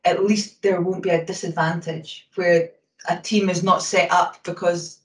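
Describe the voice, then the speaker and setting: A Scottish woman answers interview questions about refereeing at a quick pace, full of ums and you-knows. She sits back from the microphone, so her voice reaches it faintly, and the room gives it a roomy echo. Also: on the low side, flat delivery. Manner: talks quickly, with fillers. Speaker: hockey umpire. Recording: roomy sound from a distance from the mic.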